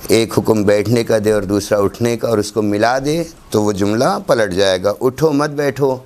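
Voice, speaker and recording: A man's voice: fairly low pitch, darkish tone. A man teaching a class on Quran recitation rules, explaining step by step and repeating examples. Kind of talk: classroom lecture.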